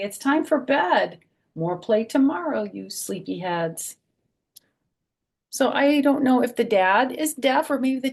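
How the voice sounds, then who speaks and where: At a children's storytime, the host reads a picture book and chats through easy explanations. She speaks with a husky, creaky voice of medium pitch that is a little mellow.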